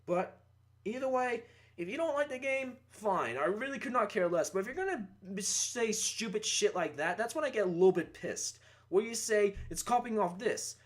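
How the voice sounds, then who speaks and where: Young guy ranting about games, kinda high voice, swings up and down a lot, swears. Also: moderate pace. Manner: rambling, swearing, animated outbursts. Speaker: gaming YouTuber. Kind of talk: casual opinion rant.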